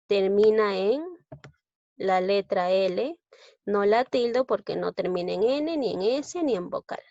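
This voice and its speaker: A woman's voice: medium pitch, darkish tone, no echo. A woman teacher with a Peruvian Spanish accent, patiently explaining a grammar lesson step by step and often checking in with short tag questions. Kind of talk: recorded online grammar lesson. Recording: dull lo-fi recording.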